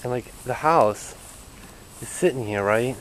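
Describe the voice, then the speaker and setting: A man's voice: mid-range voice, a little slow, a bit bright, slight background noise, low-quality recording. A young man filming himself outdoors with a handheld camera, talking in a hesitant, uneasy way and trailing off mid-sentence. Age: young adult. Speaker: urban explorer vlogger. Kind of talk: handheld exploring vlog. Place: outdoors in an overgrown yard.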